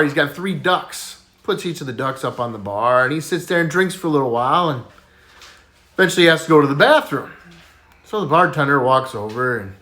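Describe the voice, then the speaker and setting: A man telling jokes casually, jumping into higher voices for the characters. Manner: animated, voices characters with jumps in pitch. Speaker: joke teller.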